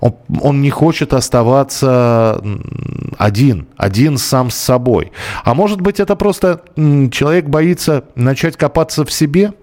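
A man's voice: mid-range voice, measured pace, a little mellow. A man hosts a talk show. He reads listener messages aloud and talks about them in an easy, conversational way, sometimes stumbling over a word. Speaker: radio show host.

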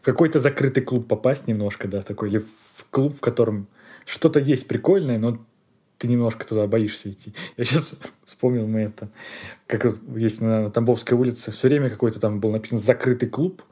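A man's voice: medium pitch, brisk, dark tone, slightly rough. A man co-hosting a podcast, chatting in a rambling way, searching for words and laughing often. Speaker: podcast co-host. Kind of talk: casual podcast chat.

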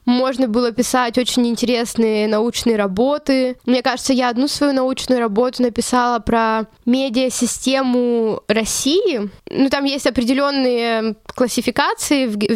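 A young woman from Russia, a journalism student, tells her story as an interview guest in a chatty way, full of fillers, restarts, and self-corrections. Her fairly high voice is clear and resonant, recorded at studio quality with no room sound.

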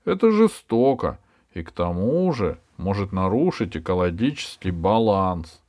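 A man's voice: deep voice, big pitch swings, measured pace, darkish tone, exaggerated voice. A man reading aloud and voicing a cautious young male biologist who speaks in earnest warnings.

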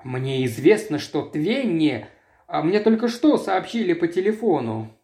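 A man's voice: fairly high pitch, sing-song, unhurried, dark tone, reverberant. A man voicing a flustered neighbour dentist who stammers.

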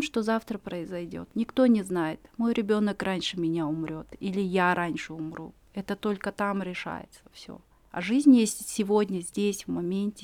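A woman in her forties shares her personal story as a podcast guest, earnest and reflective, often pausing with fillers. Her voice is medium-pitched and warm.

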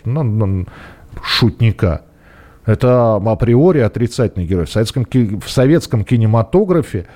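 A man hosting a call-in radio show, his voice low and warm. He muses through his thoughts at an easy conversational pace, with plenty of fillers. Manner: conversational, musing, with frequent fillers. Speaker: radio host.

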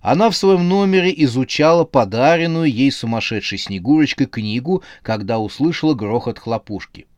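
A man narrating a comic horror novel as an audiobook with expressive, lively storytelling. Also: mid-range voice, normal speed, hardly any pauses, dry recording.

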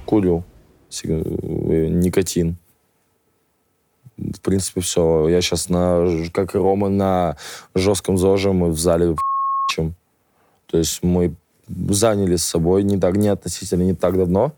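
A man's voice: low voice, little pitch movement, a little slow, gravelly, long pauses, background noise. A man guest in a radio studio interview, talking casually and emphatically, pushing his opinions hard. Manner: emphatic, opinionated, rants with rising force.

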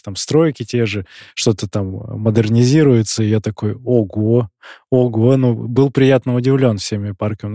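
A man's voice: medium pitch, dark tone, dry recording, studio quality. A man hosting a podcast interview, asking friendly, curious questions in a casual way. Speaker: podcast host.

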